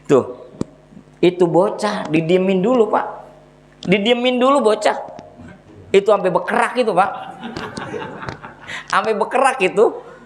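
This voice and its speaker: A man giving a lively religious sermon, telling jokes and stories and speaking directly to the congregation. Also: sits high, moderate pace, long pauses, slight background noise. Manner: animated storytelling, addresses listeners directly. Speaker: Islamic religious teacher.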